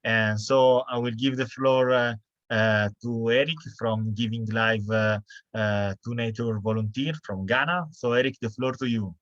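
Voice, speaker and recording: A man moderates an online panel over a video call, stopping and restarting often. His voice sits mid-range and sounds dry and dull through the call audio. He picks his words slowly as he hands the floor to guests. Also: mid-range voice, fairly even intonation, a bit bright, no room sound. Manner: halting, many fillers and restarts. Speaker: webinar host.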